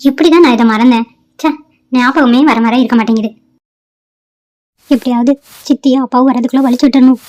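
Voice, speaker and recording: A woman's voice: sits high, steady tone, a little fast, pauses often, a little mellow, lightly acted. A woman voicing a timid, overworked young stepdaughter in a cartoon, who talks in an anxious, pleading way. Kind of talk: Tamil cartoon voice acting. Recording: dull lo-fi dry recording.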